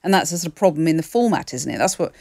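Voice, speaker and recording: A woman hosting a broadcast discussion, briskly steering her guests from topic to topic. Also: low-pitched, animated, background noise. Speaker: host.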